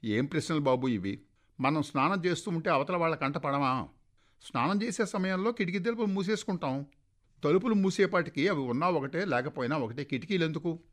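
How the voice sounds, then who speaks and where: A man voicing a caring young wife who fusses over her husband in soft, coaxing speech, within a radio story reading. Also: fairly high pitch, expressive, fairly quick, pitched above the performer's own voice. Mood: fond coaxing.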